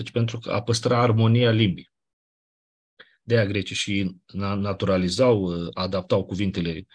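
A man teaches a grammar lesson, explaining step by step with casual asides. His voice sits a little low and has a husky, breathy edge. He keeps checking in with his class as he goes. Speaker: Greek teacher. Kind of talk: classroom lecture on Ancient Greek grammar.

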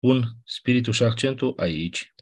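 A man teaching a class, explaining step by step in a conversational way with quick asides. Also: mid-range voice, slightly rough. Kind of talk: classroom lecture.

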